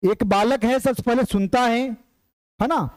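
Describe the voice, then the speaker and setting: A man's voice: very high-pitched, unhurried, dry recording, rough recording. A man teaching an exam-prep lecture, emphatic and repetitive, calling his viewers brothers as he drills key points. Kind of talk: online lecture.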